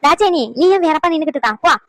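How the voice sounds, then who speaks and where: A woman voicing an anxious, scolding old grandmother in a cartoon family drama, who talks in rapid, scolding chatter. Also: sits high, lively intonation, no room sound.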